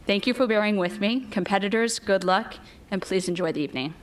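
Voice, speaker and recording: A woman with a medium-pitched voice reads from a script as the host of a formal event. Her delivery is that of an official introduction. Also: fairly quick, heavy background noise.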